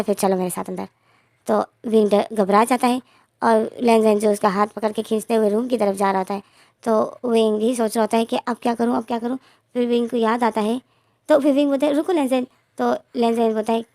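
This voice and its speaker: A woman's voice: on the high side, steady tone, fairly quick, darkish tone. Woman casually retelling a fan story. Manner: retells the story plainly, voicing both men's lines in her own voice.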